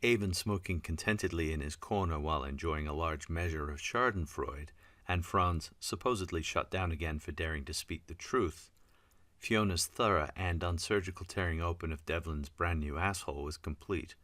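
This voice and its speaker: A man reading an audiobook in a measured, wry scripted narration. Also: deep voice, fairly bright tone, no echo.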